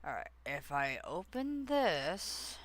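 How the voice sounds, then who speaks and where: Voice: medium pitch, takes it slowly, sharp tone, smooth. A streamer chatting casually with viewers, rambling and easily sidetracked while working on screen, with many fillers and restarts. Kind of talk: casual livestream chat.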